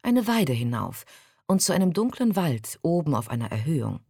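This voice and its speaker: A woman reading a storybook aloud as narrator, in a calm, expressive reading voice on a close mic. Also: sits low, moderate pace, slightly rough, no echo.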